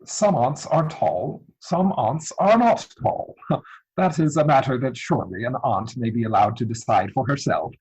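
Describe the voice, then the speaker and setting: Man acting proper young gentleman, Victorian comedy, husky, mid pitch, formal, prim, exasperated, evasive. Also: animated, normal speed, low-quality recording. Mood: flustered, evasive. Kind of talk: dramatic reading of Victorian stage comedy. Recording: home recording over video call.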